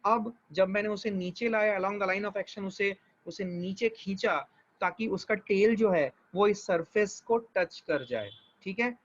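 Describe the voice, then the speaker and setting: A man with a high voice teaches physics, moving step by step and often asking whether his students follow. He talks patiently and reassuringly, switching freely between Hindi and English. The sound is dull and lo-fi. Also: measured pace. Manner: mixes Hindi and English, checks understanding often. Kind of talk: live online class. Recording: dull lo-fi audio.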